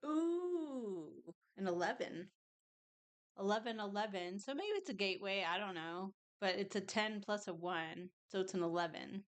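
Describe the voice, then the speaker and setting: A woman's voice: mid-range voice, lively intonation, a little slow. A woman tarot reader chatting casually, rambling between snacks and card readings. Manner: chatty, rambling, tastes food on camera.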